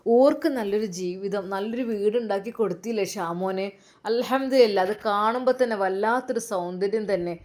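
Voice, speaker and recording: Woman storyteller, homely, warm narration. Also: medium pitch, moderate pace.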